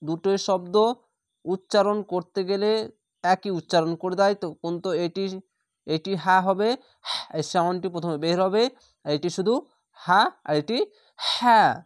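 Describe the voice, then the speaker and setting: A man teaching Quran reading, sounding out each word slowly and repeating it before explaining how to pronounce it. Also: high voice, no room sound, clean studio sound. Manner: slow, patient, repeats each word drawn out. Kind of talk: recitation lesson, word-by-word.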